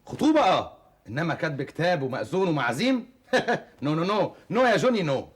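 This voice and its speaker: A man's voice: fairly high pitch, big pitch swings, fairly quick, breathy edge. A young man playing a cocky, cheeky thief in an Egyptian stage comedy, speaking Egyptian Arabic. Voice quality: cheeky, teasing.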